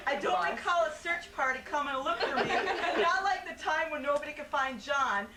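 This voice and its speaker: Woman, high voice, telling family stories with frequent laughter; old VHS tape sound, hissy and off-mic. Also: normal speed, a loud crowd. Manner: laughing often through the telling. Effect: old VHS home video sound. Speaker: family member sharing memories. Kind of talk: reading childhood stories aloud. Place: home family gathering. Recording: hissy, distant, roomy home video tape.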